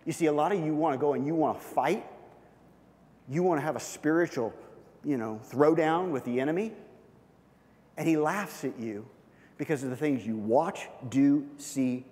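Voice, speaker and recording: A pastor delivering a sermon with emphatic conviction, his voice sitting a little high for a man. He drives each point home and tags it with "okay?". A long hall reverb trails behind his words. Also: normal speed, long pauses, darkish tone. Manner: emphatic preaching, with a repeated "okay?" after points.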